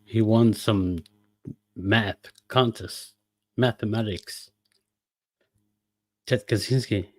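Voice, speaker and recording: A man on a podcast panel in casual chat, soft-spoken and halting. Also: fairly low pitch, no echo.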